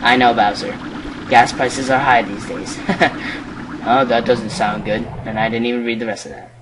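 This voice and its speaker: A man's voice: mid-range voice, flat delivery, normal speed, noisy background. A man casually commentating on a video game as he plays, joking along. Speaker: let's play host. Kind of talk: gameplay commentary.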